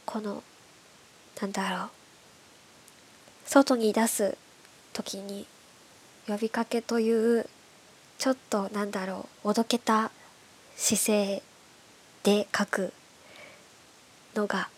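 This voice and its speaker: A woman with a stuffed-up, nasal voice from hay fever, hosting a bedtime radio show in soft, breathy, casual chat that often drops toward a whisper. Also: medium pitch, little pitch movement, slow, long pauses. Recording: clearly audible background hiss.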